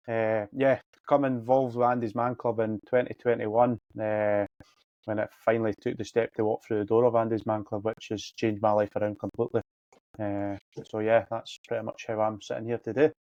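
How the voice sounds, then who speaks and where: A man's voice: lowish voice, darkish tone, dry recording, lo-fi sound. A man in his thirties with a Fife Scottish accent, introducing himself casually as a podcast guest. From Kirkcaldy, Fife, Scotland. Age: 30s. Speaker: podcast guest, men's support group facilitator.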